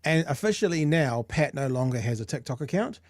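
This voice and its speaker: A man's voice: fairly high pitch, expressive, fairly quick, dry recording. A man with a New Zealand accent hosting a talk show in casual, conversational live chat.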